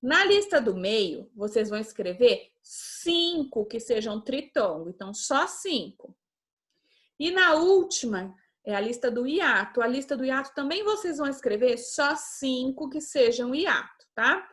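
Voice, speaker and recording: Young Brazilian woman teacher explaining things patiently to kids, stretching out her examples, with a slightly high voice. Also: sing-song, fairly bright tone. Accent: Brazilian Portuguese. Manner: patient, slow and drawn out on example words, checks in with "tá?". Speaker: schoolteacher. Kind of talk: remote class lesson for children.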